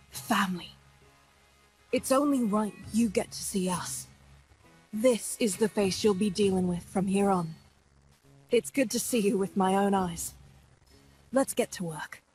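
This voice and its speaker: Woman voicing a slow, solemn union leader. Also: medium pitch, darkish tone, soft background music, close to an everyday voice, poor audio. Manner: measured, solemn and welcoming. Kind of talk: video game dialogue.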